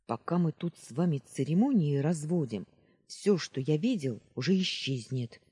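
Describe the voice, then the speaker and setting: A man's voice: on the high side, lively intonation, normal speed, a little mellow, breathy edge. A man voicing an eager, stubborn young boy who pleads and reports in a raised voice, in an audiobook reading. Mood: exasperated.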